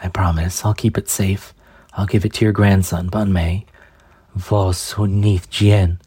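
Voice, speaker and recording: A man's voice: low voice, level tone, a little slow, warm tone, breathy edge, no echo, full character voice. A man voicing a frightened young man who stammers and speaks in a flustered way.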